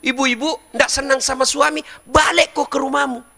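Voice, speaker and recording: A man's voice: extremely high pitch, moderate pace, creaky, long reverb tail. A middle-aged man giving a humorous sermon, joking and speaking straight to the audience. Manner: lively, joking, addresses the audience directly. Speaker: preacher.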